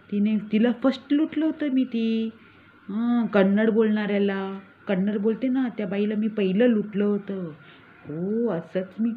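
A woman's voice: medium pitch, lightly acted. A woman playing a smug, scheming village mother who brags and mocks in a comic sketch. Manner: smug, mocking, gleeful bragging. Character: boastful scheming village mother, con artist. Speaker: comic character monologue. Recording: tinny phone-like recording.

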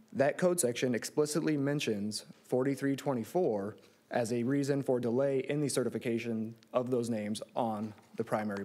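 In a large courtroom, a lawyer in his thirties presents a formal argument on appeal, speaking into a lectern microphone. He has a mid-range, slightly mellow voice.

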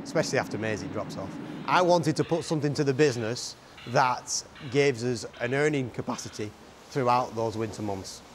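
A man who runs a farm contracting business answers questions in a steady, agreeable voice of middle pitch, often repeating himself. He is recorded outdoors in a farm yard, with faint noise and vehicles behind him. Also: brisk. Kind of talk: casual interview answers.

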